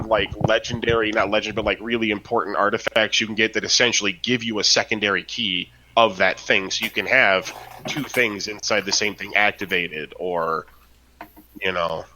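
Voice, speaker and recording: A man's voice: lowish voice, fairly even intonation, normal speed, bright, forceful tone, a little hiss or hum, low-quality recording. A man chatting casually on a podcast about a role-playing game, rambling with lots of fillers and tag questions. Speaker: podcast co-host.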